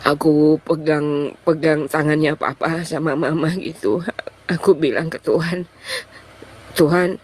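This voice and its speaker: A young woman telling her conversion testimony in an interview, talking in a loose, halting way full of fillers. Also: deep voice, fairly even intonation, darkish tone, slightly rough. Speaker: guest sharing a conversion testimony.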